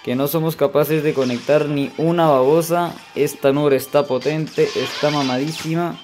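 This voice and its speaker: Mexican male gaming host, chatty and excitable, talks straight to viewers over soft game music. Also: fairly high pitch, normal speed. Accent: Mexican Spanish. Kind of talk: mobile gameplay commentary.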